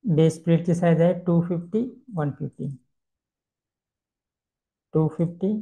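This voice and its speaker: A man giving a screen-recorded software tutorial, explaining step by step and asking himself questions he then answers. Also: fairly high pitch, unhurried, vocal fry, poor audio. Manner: explains step by step, mixing English terms, repeats questions and answers them.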